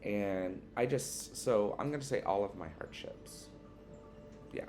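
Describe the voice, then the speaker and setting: A tired man answering tag questions in a relaxed, rambling casual chat at home, yawning now and then. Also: lowish voice, a little slow, background noise. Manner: relaxed, rambling, with fillers and restarts. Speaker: witchcraft vlogger answering a tag. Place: one-bedroom apartment.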